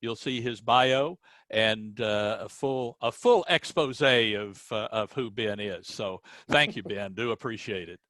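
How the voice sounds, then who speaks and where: Measured board member, dry close sound. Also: male voice, on the low side, fairly bright tone, no echo. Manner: measured, explanatory, frequent "uh" pauses. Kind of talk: answering questions in an online webinar. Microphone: video call.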